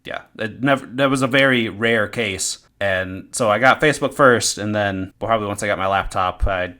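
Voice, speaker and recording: A man's voice: on the low side, moderate pace, sharp tone. A young man co-hosting a podcast, telling rambling, nostalgic stories in casual chat, with frequent restarts. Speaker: podcast co-host.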